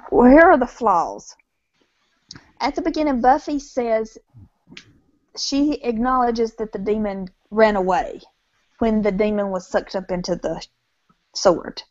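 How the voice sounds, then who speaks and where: A woman's voice: fairly high pitch, measured pace, long pauses, darkish tone, no room sound. A woman co-hosting a casual fan discussion podcast, reading quotes and asking questions. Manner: reads quotes, asks questions, laughs often. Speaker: podcast co-host. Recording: dull lo-fi podcast audio.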